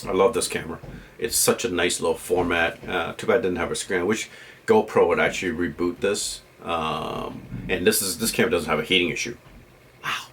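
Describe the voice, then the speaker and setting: A man's voice: low voice, steady tone, a little fast, a bit bright, slight background noise. A man vlogging a casual, unscripted gear review in a rambling, opinionated way, often checking in with the listener.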